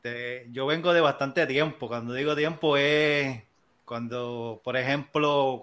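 Easygoing producer, mid-pitched. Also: male voice, fairly bright tone, clear, resonant tone. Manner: easygoing, reminiscing. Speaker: music producer guest. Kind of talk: casual interview chat.

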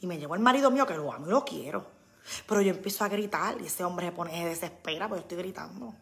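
A woman's voice: on the low side, quick pace, vocal fry. A woman, hosting a casual live talk and acting out what friends say to her. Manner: animated, acts out quoted friends. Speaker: podcast host.

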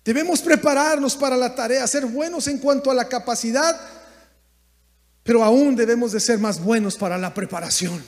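High-voiced preacher with hall reverb. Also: male voice, normal speed. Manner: impassioned preaching, swings from loud exclamations to quiet asides. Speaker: pastor. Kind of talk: sermon. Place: church sanctuary.

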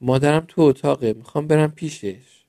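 A man's voice: lowish voice, warm tone, no room sound, studio quality, natural voice. A man voicing a sad little girl who misses her sick mother, pleading and upset.

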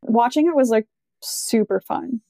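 A woman's voice: fairly high pitch, a little slow, creaky, warm tone, no room sound. Chatty woman full of "like"s, dry sound. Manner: rambling, full of "like" and fillers, enthusiastic. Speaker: podcast co-host. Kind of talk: casual chat.

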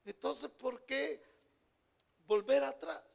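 A male pastor delivers a sermon in a strikingly high, gravelly voice. He preaches at an unhurried pace, repeating phrases for emphasis and moving between loud outbursts and hushed asides.

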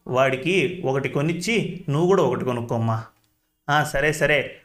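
A man reading a village tale as a storyteller, steady and even. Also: a little high. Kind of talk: scripted narration.

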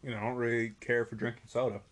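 A drunk young man co-hosting a podcast, chatting casually and teasing his friend with plenty of swearing. His voice is an ordinary male pitch. A faint background hiss sits under it. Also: little pitch movement, quick pace. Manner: teasing, profane, laughing often. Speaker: podcast co-host. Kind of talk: casual chat.

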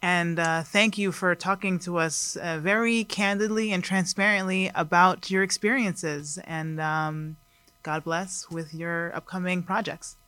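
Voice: medium pitch, fairly even intonation, measured pace, sharp tone, clean tone, no echo. A podcast host asking questions in casual chat, rambling with many fillers and restarts.

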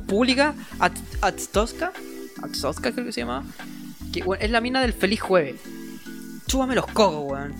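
A young Chilean man co-hosting a casual podcast, slangy and profane, ranting with gusto about shows he loves and hates. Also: extremely high pitch. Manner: slangy, swears a lot, animated rants. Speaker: podcast co-host. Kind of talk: casual chat.

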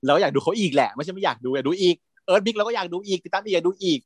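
An animated, chatty man with a fairly high voice, gushing as he talks through TV series in a relaxed back-and-forth. The sound is dry and close, with no room around it. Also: racing, husky, no echo. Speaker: podcast co-host. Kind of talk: casual chat about TV series.

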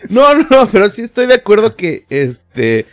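A young Mexican man, tipsy and full of profane slang, joking his way through a podcast chat. His voice swings widely up and down and sits fairly high. The sound is dry and close, with faint music underneath. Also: wildly swooping pitch, measured pace, no room sound. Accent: Mexican Spanish. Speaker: podcast co-host. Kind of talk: casual chat.

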